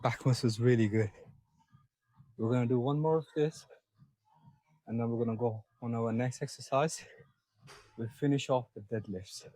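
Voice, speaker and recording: A man's voice: medium pitch, moderate pace, long pauses, dark tone, no room sound, low-quality recording. A young man in a gym, out of breath, coaching viewers step by step through a back workout. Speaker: fitness vlogger. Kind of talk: casual gym walkthrough.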